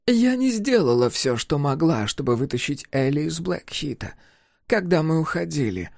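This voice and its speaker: A man voicing a proud older woman scientist who speaks haltingly. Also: sits low, big pitch swings, gravelly, a little mellow, no echo, studio quality, voice pushed up, exaggerated voice. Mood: hesitant. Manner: halting, hesitant, apologetic.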